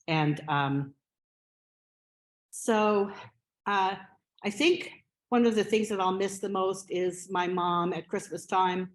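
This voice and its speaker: A woman giving spoken memorial remarks as a family member, halting, with many fillers and restarts, into a microphone at a gathering. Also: fairly low pitch, low-quality recording.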